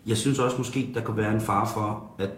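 A man's voice: fairly low pitch, steady tone, a little hiss or hum, close to an everyday voice. A man playing a tactless radio host who halts and restarts with frequent ums. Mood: earnest. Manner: halting, full of ums and restarts. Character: tactless male radio host who blurts dark jokes. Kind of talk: satirical talk-radio banter. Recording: roomy studio echo.

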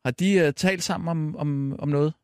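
An actor playing a defensive, flustered male radio colleague in satirical comedy, halting and insistent, prone to swearing. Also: fairly high pitch, no room sound, studio quality, natural voice. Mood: insistent, aggrieved.

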